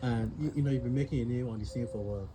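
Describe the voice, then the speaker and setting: A man's voice: mid-range voice, very fast. A man hosting a casual interview, chiming in with upbeat, hyped remarks. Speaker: show host. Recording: noticeable background noise.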